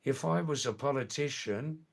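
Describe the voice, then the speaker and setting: Speaking in a creaky, mid-range voice, an older live-stream host talks casually with his audience. He answers their comments slowly and rambles, often repeating words.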